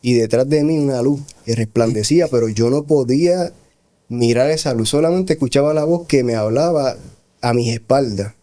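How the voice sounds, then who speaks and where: A middle-aged pastor tells his testimony slowly, pausing and restarting as he recalls. His voice is mellow and warm, sitting at a middle pitch. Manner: slow, reflective storytelling with hesitations. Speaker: pastor, guest. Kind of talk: testimony in a radio interview.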